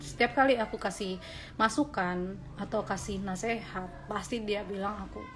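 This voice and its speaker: A woman's voice: medium pitch, moderate pace, noisy background. A woman in her twenties talking casually on a livestream, answering viewers' questions with earnest, faith-centred advice. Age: 20s.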